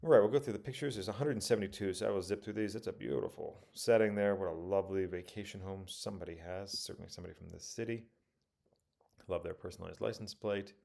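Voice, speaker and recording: A man casually talking through auction photos of a car, rambling and correcting himself with many pauses. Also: on the low side, gravelly, dark tone. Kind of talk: casual commentary over photos.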